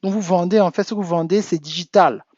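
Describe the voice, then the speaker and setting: A man's voice: high voice, fairly even intonation, fast talker, darkish tone, no room sound, muffled recording. A man from Africa, a business coach giving an insistent talk to his audience that builds to emphatic urging. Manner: insistent, rising to emphatic exhortation. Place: home in the United States.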